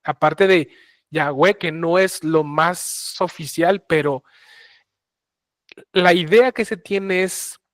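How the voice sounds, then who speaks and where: A man giving a Bible teaching talk, explaining slowly with many fillers and restarts. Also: a little high, dry recording, studio quality. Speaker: preacher.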